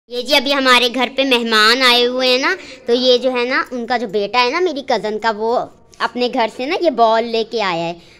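A woman's voice: mid-range voice, fairly bright tone, smooth. A woman, chatting affectionately through a casual home vlog about her cats and kitchen. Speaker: vlogger. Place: home kitchen and rooms, indoors.

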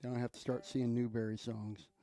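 A man's voice: mid-range voice, level tone, fast talker, warm tone. A man with a lisp, co-hosting a music livestream in rambling, joking casual chat. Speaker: co-host and musician.

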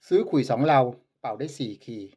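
A man's voice: mid-range voice, animated, fairly quick, warm tone, breathy edge. A man who makes flutes, demonstrating and selling them in a casual vlog, polite but scornful of his rivals. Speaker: flute maker.

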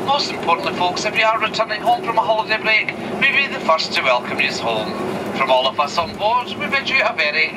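A man with a fairly high voice gives a polite, measured arrival announcement over an aircraft cabin PA. His voice comes from a distant loudspeaker, caught by a passenger's camera. Heavy engine noise sits under it. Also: big pitch swings. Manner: formal, courteous, measured delivery. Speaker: flight attendant. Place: aircraft cabin after landing. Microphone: passenger's camera, from afar.

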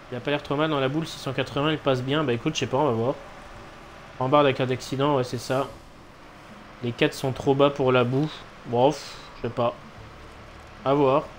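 A man giving casual live commentary as he streams a game, with noncommittal, shrugging asides. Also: medium pitch. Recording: clear background noise, game ambience.

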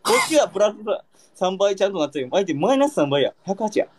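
A man's voice: high voice, big pitch swings, quick pace, a little hiss or hum. A man with a Kansai accent, joking on a casual livestream with playful mock-salesman patter. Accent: Kansai Japanese.

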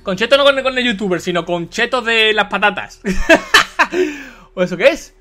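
Excitable young gamer, swearing a lot. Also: male voice, high voice, normal speed, faint music behind. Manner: excitable, swearing, repeats himself. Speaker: gaming youtuber. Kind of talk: let's play commentary.

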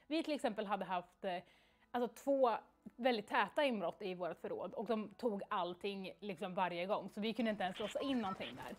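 A young woman on a livestream telling a story in a casual, animated way and acting out the quoted dialogue, with lots of fillers. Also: mid-range voice. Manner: frequent fillers like "liksom" and "jag bara".

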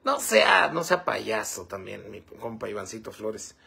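Male livestream host, gravelly, husky voice, rambling casual chat with viewers. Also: fairly low pitch, expressive, measured pace, pushed and bright. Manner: rambling, fillers like "este" and "¿verdad?". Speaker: livestream host reading comments.

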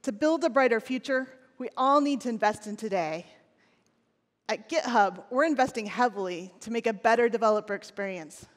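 A woman's voice: on the high side, moderate pace. A woman in her forties on a large conference stage, giving a scripted, earnest keynote with a few restarts. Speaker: keynote presenter. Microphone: headset or lapel mic on stage. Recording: long hall reverb.

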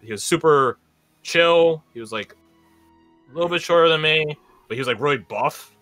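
A man's voice: a little high, moderate pace, pushed and bright, no echo, faint music behind. A young man in casual chat, telling a rambling story and running a tabletop game as game master, with lots of fillers and restarts.

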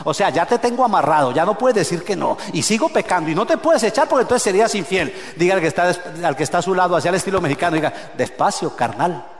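High-voiced preacher in a reverberant church. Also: male voice, expressive, racing, hardly any pauses. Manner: swings between loud shouted peaks and low hushed asides, calls for congregation responses. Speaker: pastor. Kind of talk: sermon. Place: church sanctuary. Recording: echoey church hall with long reverb.

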